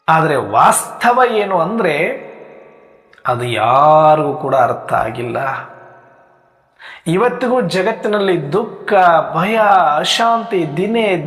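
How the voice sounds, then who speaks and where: Man, spiritual teacher, high voice, rhetorical, repeating lists, echoey hall. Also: fairly bright tone. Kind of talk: reflective spiritual talk. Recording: echoey hall with long reverb.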